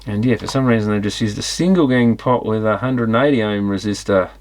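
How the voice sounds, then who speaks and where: A man whose voice sits on the low side, a little mellow and fairly quick, thinks aloud while examining electronics. As a repair hobbyist presenting a teardown, he keeps the commentary casual and unscripted.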